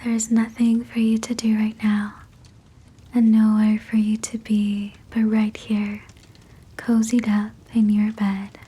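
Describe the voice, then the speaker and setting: A woman whispers a sleep hypnosis right up close to the microphone, her voice all breath with no tone behind it. She moves slowly, her pitch barely shifting, and the whisper is dark and mellow. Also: completely flat delivery, husky, rough recording. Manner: soft unvoiced whisper, slow soothing guidance.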